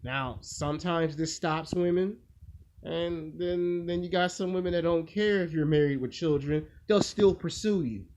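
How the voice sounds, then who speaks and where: A man's voice: a little high, measured pace, darkish tone. A man hosting his own video, telling a rambling, crude story in a blunt, casual way and acting out the quoted lines. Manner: loose rambling delivery with acted-out quotes. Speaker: video host. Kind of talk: casual monologue. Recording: dull lo-fi sound with faint noise.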